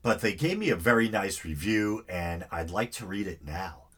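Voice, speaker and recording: A man hosts his own podcast in a casual, easygoing monologue, rambling and self-deprecating. His deep, husky voice sounds stuffy and nasal yet fairly bright, expressive, and moderately paced.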